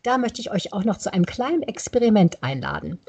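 A woman who hosts a laughter yoga podcast, gently coaxing listeners through exercises and laughing often as she explains. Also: medium pitch, big pitch swings, fast talker, husky.

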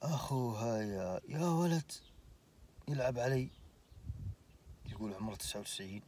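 A young Saudi man in his late twenties recounts a story in casual talk. He speaks with lively energy and keeps swearing oaths to stress his point. His voice sits at an ordinary male pitch. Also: normal speed, slight background noise. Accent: Saudi Arabic. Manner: animated, swears oaths, laughs through the story.

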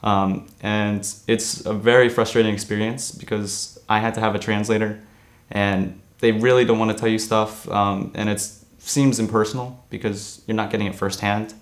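Earnest teenage boy, low voice. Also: little pitch movement. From born in Korea, raised in New Jersey. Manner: earnest, many "um" pauses. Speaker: interviewee. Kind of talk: reflective interview answers. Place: studio against grey backdrop.

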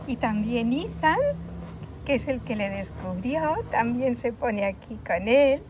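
Woman, children's toy storyteller, high voice, slow gentle delivery. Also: a little hiss or hum, low-quality recording. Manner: gentle, addresses children directly.

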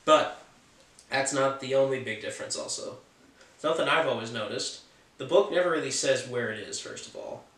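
A man's voice: mid-range voice, moderate pace, a bit bright, far from the mic. A man talking casually as a film reviewer, chatty and opinionated, with offhand jokes. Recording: roomy sound from off the mic.

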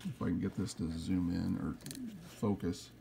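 A man's voice: low voice, flat delivery, normal speed, vocal fry, dark tone, husky. A man teaching scripture in a sermon, emphatic and full of rhetorical questions. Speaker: preacher.

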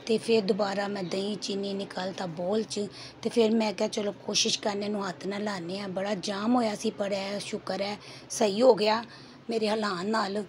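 Home cooking vlogger: middle-aged woman, Punjabi accent, hoarse, easy chatty narration, mid pitch. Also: flat delivery, moderate pace, darkish tone, slight background noise. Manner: chatty, homely, mixes Punjabi into Urdu. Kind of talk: casual vlog voice-over.

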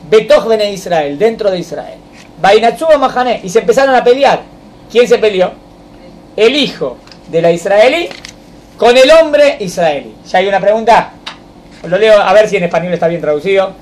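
High-voiced rabbi teaching a class. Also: male voice. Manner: keeps checking understanding with the class; recites verse slowly, then explains. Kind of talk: classroom Torah lesson. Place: study hall with students.

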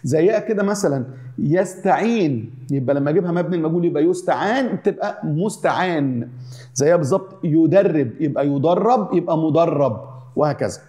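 A man with an Egyptian accent explains grammar to his students at a rapid clip. His tone is warm and mellow, and he sits a little higher than most men. He keeps circling back to the same examples, chanting them in rhythmic lists. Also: expressive. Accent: Egyptian Arabic. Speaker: Arabic teacher. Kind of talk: classroom grammar lesson.

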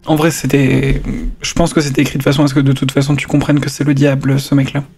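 A man's voice: medium pitch, flat delivery, fast, vocal fry, a little mellow, breathy edge, faint music behind. A man reading a story aloud on stream, breaking off for casual asides and stumbling over words.

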